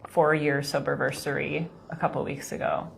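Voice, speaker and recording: A woman host chatting casually in a playful, animated, jokey way. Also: low-pitched, normal speed, vocal fry, a little hiss or hum, low-quality recording. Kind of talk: casual chat.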